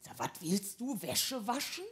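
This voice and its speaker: Female stand-up, slightly high pitch, brash gossipy slang-heavy housewife patter. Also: very animated, a little slow. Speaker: comedian. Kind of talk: stand-up comedy monologue.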